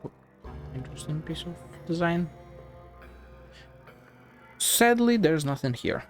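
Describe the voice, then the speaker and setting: A game streamer mutters to themself through casual gameplay commentary, playful and full of swearing. The mid-range voice is animated but slow-paced, with faint music in the background.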